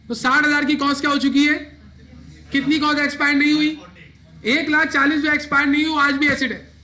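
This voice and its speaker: A man's voice: very high-pitched, sharp tone. A man teaching an accounting class, asking his students questions and answering them himself. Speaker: accounting lecturer. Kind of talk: classroom lecture.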